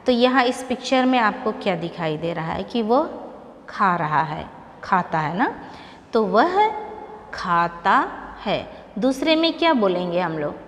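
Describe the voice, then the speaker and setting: A woman teacher giving a slow, patient classroom explanation. She asks questions and then answers them herself. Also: medium pitch, big pitch swings, in a large hall, slight background noise.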